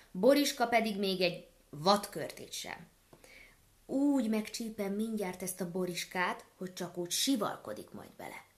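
A woman voicing an indignant, bossy male gander who hisses his complaints in a storybook tale. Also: fairly low pitch. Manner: hissing, grumbling complaints.

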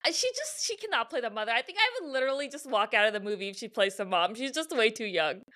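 A young woman raised overseas co-hosts a casual podcast, laughing easily and jumping in with quick reactions. Her voice sits high with a sharp, bright edge. She chats loosely and playfully. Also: big pitch swings. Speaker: podcast co-host. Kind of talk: casual chat.

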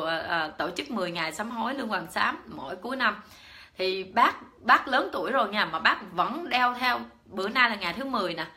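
Chatty Southern Vietnamese woman, bright voice. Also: medium pitch. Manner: chatty, lots of fillers and repeated words, addresses listeners directly. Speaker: Buddhist lay speaker. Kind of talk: personal dharma talk.

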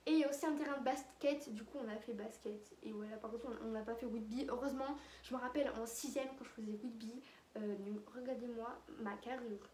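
A woman's voice: on the high side, fast, darkish tone, slight background noise. A teenage girl chatting casually to her viewers, full of fillers and asides. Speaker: vlogger. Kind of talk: casual chat to camera. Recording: echoey room with faint ambience.

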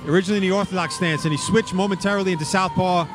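A man with a raised, fairly high pitch gives live fight commentary and analysis. There is faint music behind him. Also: steady tone, racing.

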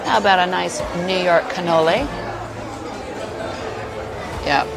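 Between bites at a busy indoor buffet, a woman chats casually to camera about the food, playful and full of exclamations. Her voice sits low with vocal fry and a slow pace, and crowd chatter and music fill the background.

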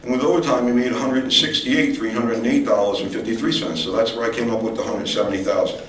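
A man's voice: mid-range voice, fairly even intonation, fast. Hesitant man questioning officials, echoey hall. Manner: hesitant, full of fillers and restarts, politely persistent. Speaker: resident questioning officials at a public meeting. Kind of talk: public meeting exchange. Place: large echoey public meeting hall. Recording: echoey hall, distant mic, faint room noise.

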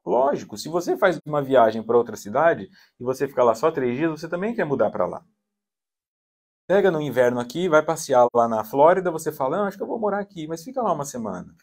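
A man giving a psychology talk at a spiritist center, animated and acting out quoted voices with a shifting tone. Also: on the high side, brisk, husky.

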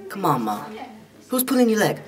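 A woman's voice: mid-range voice, sing-song, fairly quick, crowd noise, close to an everyday voice. A woman auditioning as an exasperated son scolding his mother, tentative between takes. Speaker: auditioning actress. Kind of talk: audition reading.

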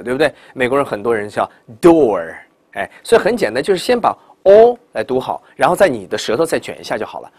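A man teaching English pronunciation in Chinese, demonstrating words slowly and loudly and having students repeat after him. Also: mid-range voice, slightly rough, dry recording. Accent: Mandarin Chinese speaking English. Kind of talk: classroom lesson.

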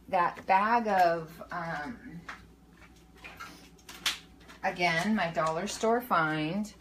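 A woman's voice: fairly low pitch, slight background noise. A middle-aged woman casually talking through her packed meals at a kitchen counter, rambling with fillers and self-corrections. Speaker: weight-loss vlogger. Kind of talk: casual meal-prep walkthrough. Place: home kitchen counter, indoors.

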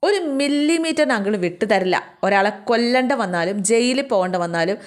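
A woman's voice: a little high, expressive, fairly quick, natural voice. A woman voicing a worried young man who pleads and presses with urgent, coaxing questions. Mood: indignant.

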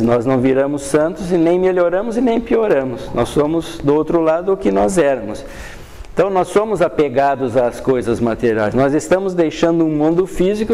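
An older man with a Brazilian Portuguese accent teaches a study group. He reads passages from a spiritist book aloud, then explains them calmly, often adding "né". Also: a little high. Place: dim classroom with a projector screen.

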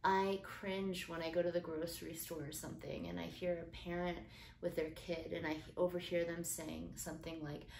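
A woman's voice: lowish voice, little pitch movement, moderate pace, gravelly, slight background noise. Earnest woman talking in an echoey room. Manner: earnest, gentle, uses fillers like um. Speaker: podcast host. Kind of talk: casual faith-based parenting talk. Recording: echoey room with faint ambience.

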